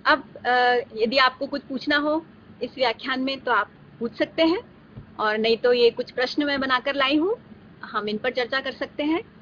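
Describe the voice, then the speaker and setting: A woman's voice: high voice, moderate pace, fairly bright tone. A woman lecturer giving a virtual class and patiently taking students' questions. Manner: patient, calls students "beta". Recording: dull lo-fi recording with faint hiss.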